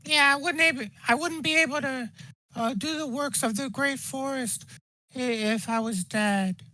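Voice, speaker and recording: A tiny forest fairy for a tabletop game, squeaking high and bright. He talks in quick, excitable bursts, and the close, dry mic keeps every squeak sharp. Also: dry recording, low-quality recording. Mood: earnest. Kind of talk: tabletop role-play in character.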